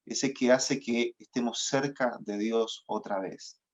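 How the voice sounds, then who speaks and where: A man's voice: medium pitch, fairly even intonation, takes it slowly. A pastor giving a sermon in a patient, explanatory teaching tone, with frequent fillers as he explains.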